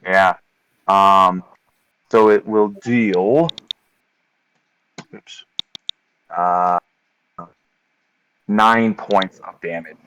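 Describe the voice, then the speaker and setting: A man with a fairly low voice narrates a tabletop fight as game master, lingering on gory blows and dice results. He talks in a measured, descriptive way and fills pauses with ums. A faint hiss sits under the voice. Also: steady tone, fairly bright tone, rough recording. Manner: vivid, unhurried combat description with frequent ums.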